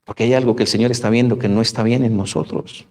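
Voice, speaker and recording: A man's voice: mid-range voice, fairly even intonation, quick pace, darkish tone. A male pastor giving a radio sermon, preaching through rhetorical questions and addressing his listeners as brothers. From Colombia. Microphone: studio microphone for radio broadcast.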